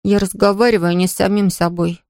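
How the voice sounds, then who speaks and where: A woman voicing a stubborn, anxious boy under ten who talks quickly and defensively. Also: medium pitch, level tone, darkish tone, no echo, clean studio sound, natural voice.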